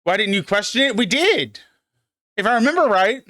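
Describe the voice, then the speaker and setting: High-voiced guy streaming, ranting and cussing, super dry close sound. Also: big pitch swings, moderate pace, bright, forceful tone, no echo. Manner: ranting, emphatic and profane. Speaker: livestream host. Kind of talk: casual chat.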